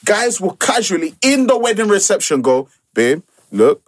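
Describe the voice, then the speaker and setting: Husky, higher-pitched London man, emphatic and slangy. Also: sing-song, moderate pace. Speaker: pastor and podcast co-host. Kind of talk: casual conversational debate.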